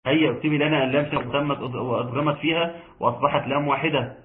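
A man with an Egyptian accent teaching Quran recitation rules, chanting verses slowly and explaining quickly. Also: mid-range voice, steady tone. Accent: Egyptian Arabic. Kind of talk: online tajweed lesson. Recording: tinny online call audio.

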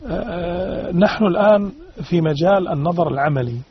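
A man's voice: sits high, normal speed. A man on a religious discussion panel, arguing emphatically, repeating his points and posing rhetorical questions. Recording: dull radio-like sound.

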